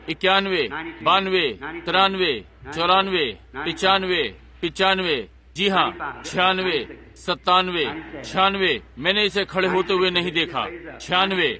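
Slow and high-voiced, a man preaches and prays in Hindi while crowd noise carries on around him. He talks with earnest repetition and keeps slipping asides to his congregation.

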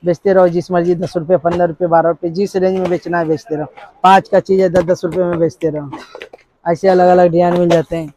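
Salesman rattling off prices, flat and dark. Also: high-pitched, a little hiss or hum, low-quality recording. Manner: brisk, repetitive price-listing salesman patter. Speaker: wholesale shopkeeper. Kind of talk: sales pitch to a vlogger. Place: crowded cosmetics shop, indoors.

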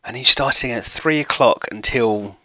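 With a medium-pitched, sharp voice at a moderate pace and no echo, a man in his late thirties chats with stream viewers from his home desk. He plays a football management game, reads chat aloud and jokes at his own expense.

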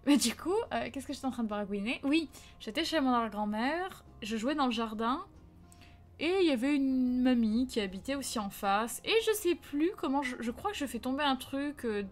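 Une jeune femme, streameuse, raconte une anecdote d'enfance en direct sur un ton familier et vivant, en jouant les répliques. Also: female voice, sits high, fairly quick, soft background music. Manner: lively anecdote-telling, acts out quotes, reads chat. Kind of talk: casual live-stream chat and storytelling.

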